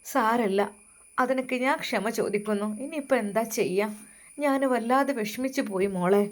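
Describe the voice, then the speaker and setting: A woman voicing an older mother-in-law, talking low and soft in a coaxing, guilt-tripping way. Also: moderate pace, close to an everyday voice. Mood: pleading.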